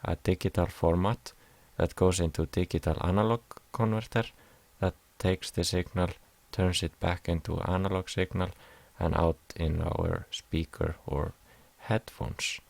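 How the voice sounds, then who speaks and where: A man's voice: low-pitched, steady tone, a little slow, gravelly, few pauses, darkish tone, dry recording. A young man from Iceland, hesitantly explaining a class assignment over slides, with many fillers. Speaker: music production student.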